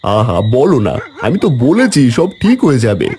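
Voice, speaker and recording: A man voicing a soft-hearted young farmer husband in a cartoon, coaxing and reassuring his wife. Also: mid-range voice, wildly swooping pitch, normal speed. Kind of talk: cartoon voice acting.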